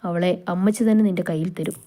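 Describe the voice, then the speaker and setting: A gentle, fatherly uncle in a storybook romance, calm and mellow as he comforts his nephew, as a woman narrator reads him. The voice stays near her own everyday tone. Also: on the low side, fast, natural voice. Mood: reassuring. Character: middle-aged uncle, kind and reassuring.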